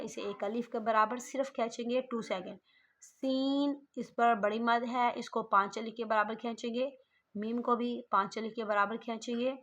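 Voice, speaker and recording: A woman gives a patient online recitation lesson, her voice bright and fairly high. She explains each letter calmly and stretches the sounds out long when demonstrating. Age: middle-aged. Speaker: online Quran reading teacher. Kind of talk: slow step-by-step recitation lesson.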